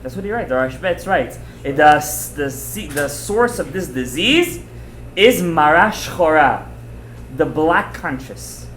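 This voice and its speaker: A man teaching a Torah class as a rabbi, animated and emphatic, repeating phrases, asking rhetorical questions and dropping in Hebrew terms. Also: on the high side, slow pace, reverberant, a little hiss or hum. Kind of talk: animated religious lecture to students.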